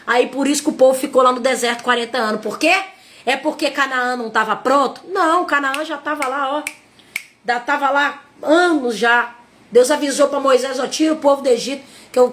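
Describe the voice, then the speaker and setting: A woman's voice: sits high, fairly bright tone. A middle-aged woman missionary with a Brazilian accent, preaching in a conversational, emphatic way and repeating her points straight to her listeners. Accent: Brazilian Portuguese. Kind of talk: conversational sermon.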